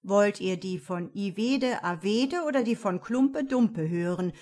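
A woman voicing a small, stout, kindly male storyteller in a read-aloud fairy tale, with a gentle, lower voice. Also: lively intonation, unhurried, close to an everyday voice. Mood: genial.

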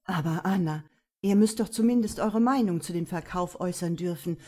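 Brief: woman doing a devoted, impulsive young man, earnest, mellow husky tone. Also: lowish voice, a little fast, natural voice.

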